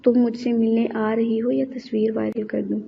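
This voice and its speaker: A woman's voice: on the high side, little pitch movement, vocal fry, slight background noise. A woman voicing a smug, mocking young man who threatens and blackmails. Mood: menacing. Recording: slightly muffled recording.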